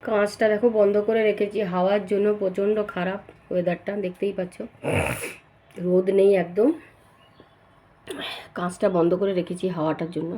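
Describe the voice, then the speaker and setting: A woman, hoarse and stuffy from a cold, chatting through a daily home vlog. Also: steady tone, fairly quick, pauses often, mellow. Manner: chatty, talks to her dog in a high coaxing voice. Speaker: vlogger. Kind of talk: casual daily vlog narration. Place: home, indoors. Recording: echoey room with faint ambient noise.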